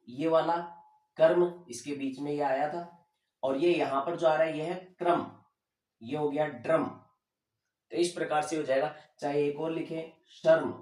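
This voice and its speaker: Male teacher, slightly high voice, patient lesson, echoey room, distant mic. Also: a little mellow. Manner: patient, repeats sounds slowly syllable by syllable. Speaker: Hindi teacher. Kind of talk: classroom-style lesson explanation.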